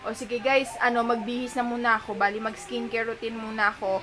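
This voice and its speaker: Filmed by a tripod-mounted camera in her bedroom, a young Filipino woman with a Filipino accent talks chattily to viewers in a home vlog, addressing them as sisters and slipping into English. She is a young mother and vlogger whose fairly high voice is flat in delivery and brisk.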